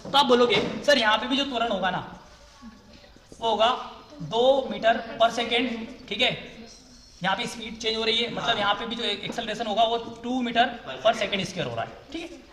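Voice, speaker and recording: A man's voice: very high-pitched, normal speed, bright, forceful tone. A man teaching a physics class, often repeating a question and then answering it himself. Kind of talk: classroom lecture. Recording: echoey room with long reverb.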